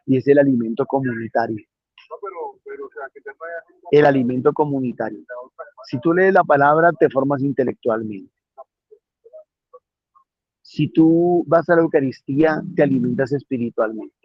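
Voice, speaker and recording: A man's voice: mid-range voice, no room sound, lo-fi sound. Earnest man preaching a homily. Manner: earnest, repeats phrases for emphasis. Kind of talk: homily on the day's readings.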